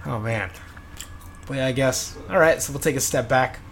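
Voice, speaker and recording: A man in his twenties from the Philippines, hosting a casual chat, relaxed and laughing, with lots of fillers. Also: medium pitch, normal speed. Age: 20s. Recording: noticeable background noise.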